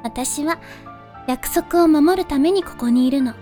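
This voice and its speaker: A woman voicing a soft, calm and gently teasing young woman who guards a moonlit forest, in a voice drama. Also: high-pitched, a little slow, soft background music. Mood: gentle. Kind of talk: voice drama acting.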